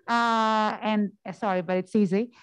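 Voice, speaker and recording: A woman's voice: medium pitch, steady tone, a little slow, clean tone, no echo, low-quality recording. Greek-accented woman asking a hesitant question. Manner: hesitant, searching for words. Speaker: audience member asking a question. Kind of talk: audience question at a seminar.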